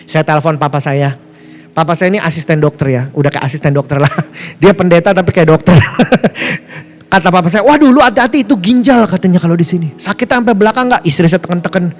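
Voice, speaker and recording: High-voiced pastor man, playful chatty sermon story, quiet music under it. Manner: playful, chatty, asks the congregation questions; acts out quoted voices with sharp pitch jumps. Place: church hall, music behind.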